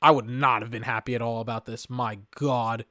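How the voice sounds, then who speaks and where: A man's voice: medium pitch, steady tone, brisk, pushed and bright, dry recording, clean studio sound. A man hosting a podcast, reacting live to an awards broadcast in casual, rambling commentary, often exasperated and swearing. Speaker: podcast host.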